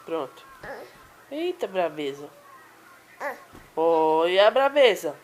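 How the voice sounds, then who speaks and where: A woman's voice: on the low side, sing-song, slow, a little hiss or hum. A woman filming her baby at home on a handheld phone, coaxing him in repetitive, sing-song baby talk. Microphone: handheld phone camera.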